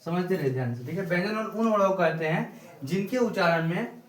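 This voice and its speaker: A man's voice: high voice, lively intonation. A male teacher giving a classroom grammar lesson, repeating and drawing out words one by one as if dictating. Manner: repetitive, drawn-out word-by-word dictation. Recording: echoey room.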